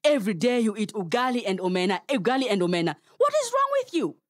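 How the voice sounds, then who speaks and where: A woman voicing a mocking hyena in a storybook tale, scolding and fast. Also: medium pitch, big pitch swings, no room sound, studio quality, lightly acted.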